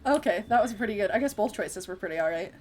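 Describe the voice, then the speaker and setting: A young woman talks her way through a game in a casual, chatty way. She reads the on-screen text aloud, laughs often and reacts freely as she plays, with a mid-range voice that is neither high nor low. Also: lively intonation, quick pace, darkish tone, faint music behind. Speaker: gamer streamer. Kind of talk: casual let's-play commentary.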